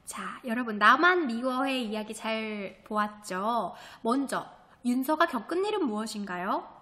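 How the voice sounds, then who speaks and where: A woman teacher with a bright, fairly high voice leads an online reading lesson for children. She explains each step patiently, asks the class questions and then answers them herself. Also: expressive, unhurried. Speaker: elementary school teacher.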